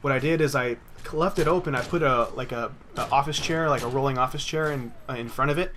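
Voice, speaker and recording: Young dude rambling a story over his gameplay, cusses a lot, lots of restarts, mid pitch. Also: fast talker, fairly bright tone, a little hiss or hum. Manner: rambling, profane, with many restarts. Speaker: gaming commentator.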